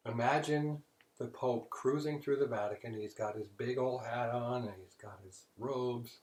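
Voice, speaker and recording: A man hosting a casual spiritual session, telling stories in a relaxed way. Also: on the low side, roomy sound, a little hiss or hum. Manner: relaxed storytelling, joke-telling.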